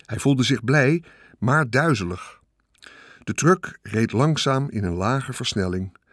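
Calm male audiobook narrator. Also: medium pitch, husky, dry recording, clean studio sound. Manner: calm, measured storytelling. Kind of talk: scripted narration.

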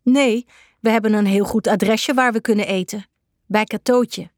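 A woman's voice: medium pitch, steady tone, normal speed, dry recording, studio quality, close to an everyday voice. Cheeky stray tomcat, blunt, teasing, storybook, as a woman reads him. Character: cheeky male stray cat.

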